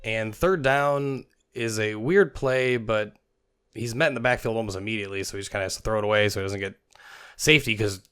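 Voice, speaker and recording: A young man narrating football clips as a comic voice-over host, joking and dropping into quick silly voices for the players. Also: lowish voice, fairly bright tone, clean tone. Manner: jokey, puts on players' voices in quick asides.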